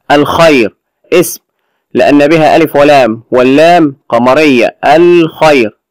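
A man with an Egyptian accent teaching a children's Arabic lesson, reciting verses slowly and explaining them in quick colloquial asides. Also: mid-range voice, dry recording, low-quality recording. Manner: asks the pupils questions and answers them himself.

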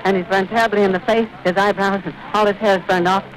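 A male radio reporter giving vivid, urgent live commentary outdoors at an airfield, pausing to catch his breath. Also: high-pitched, level tone, low-quality recording. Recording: old 1930s archive radio recording with hiss.

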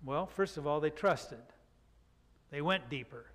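A man's voice: a little high, lively intonation. Older man preaching in a reverberant church. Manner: reflective, unhurried, with drawn-out emphasis. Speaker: pastor. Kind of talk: sermon. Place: church sanctuary, speaking from the pulpit. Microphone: pulpit microphone.

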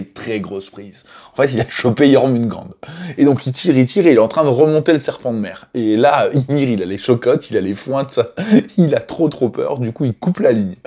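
A man's voice: medium pitch, fairly quick, slightly rough. A man casually telling the stories behind a board game's mythology, chatty and full of fillers, stressing each new name. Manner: chatty, many fillers, lively emphasis on names. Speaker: game publisher presenting lore. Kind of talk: casual storytelling explanation.

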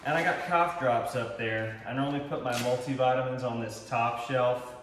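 A man's voice: medium pitch, steady tone, normal speed, a bit bright, a little hiss or hum. A young man with a Texan accent, chatting upbeat with many fillers as he walks through his fitness gear in a large home kitchen, filmed by a camera some distance away. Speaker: fitness vlogger. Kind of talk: casual product walkthrough. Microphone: far camera. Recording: roomy echo, voice from afar.

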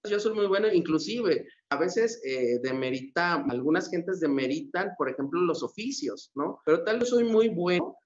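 A man's voice: sits high, lively intonation, moderate pace, hardly any pauses. A man, a psychologist giving an earnest motivational talk that wanders through fillers and restarts. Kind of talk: motivational talk on a radio-style show. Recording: echoey, dull lo-fi room sound.

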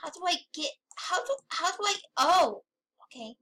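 A woman's voice: very high-pitched, animated, normal speed, rough recording. A woman playing a horror game and commenting, easily confused and often shrieking in panic. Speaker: gamer. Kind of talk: let's-play gameplay commentary. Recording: game music loud behind voice. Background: game music.

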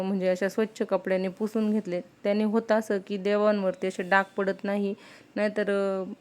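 A woman's voice: mid-range voice, a little mellow, smooth. A woman vlogger and mother from Maharashtra, chatting casually as she explains her daily routine step by step. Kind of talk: casual home vlog narration.

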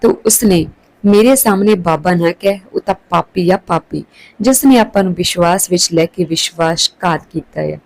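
A woman's voice: on the low side, moderate pace, darkish tone, close to an everyday voice, rough recording. A woman voicing a distraught, defiant young wife in a narrated story. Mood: accusing.

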